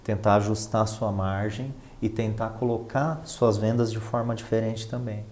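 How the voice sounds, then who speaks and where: As an interview guest, a Brazilian professor who works in finance talks at a normal speed in a lowish, darkish voice with a steady tone. His explanations are conversational, full of emphatic repetition and rhetorical questions.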